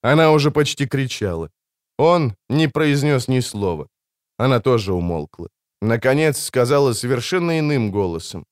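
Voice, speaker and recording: A man narrating an audiobook in a calm, even way. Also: mid-range voice, moderate pace, no echo, clean studio sound.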